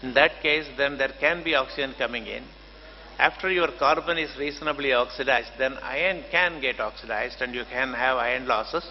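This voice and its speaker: An older man with an Indian accent gives a formal conference lecture as a professor, speaking courteously in a halting, deliberate way. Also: mid-range voice. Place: large conference hall. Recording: dull, noisy hall microphone, long reverb.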